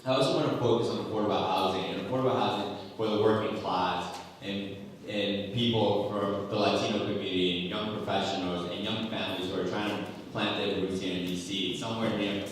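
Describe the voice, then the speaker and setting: Deep-voiced young man in an echoey hall. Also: fairly even intonation, distant mic. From Washington DC. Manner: earnest, halting with fillers. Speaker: political candidate. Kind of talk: candidate forum introduction. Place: community center hall.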